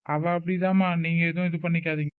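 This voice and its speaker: A man's voice: fairly high pitch, flat delivery, fast talker, clear, resonant tone, natural voice. A man playing a strict, protective older brother who scolds his sister with a raised voice. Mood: explaining, defensive. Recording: tinny phone-like recording.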